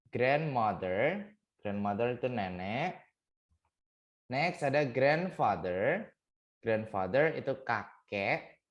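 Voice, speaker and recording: Slow, sing-song male language tutor. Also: medium pitch. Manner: drills each word by slow repetition; mixes English words into teaching talk. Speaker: English tutor. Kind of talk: online vocabulary lesson.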